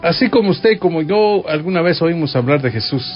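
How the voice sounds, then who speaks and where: A man's voice: on the high side, expressive, fairly quick, muffled recording, soft background music. A man with a Mexican accent teaching a Bible passage on a radio program, talking conversationally and asking his listeners questions. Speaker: radio preacher.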